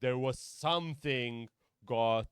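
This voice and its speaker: A man chats as a podcast guest, drifting through playful, profane tangents. His voice is smooth and resonant. It sits at an ordinary pitch, recorded dry and close. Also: slow pace, no echo. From Malta. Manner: rambling, swearing, playful. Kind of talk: casual chat.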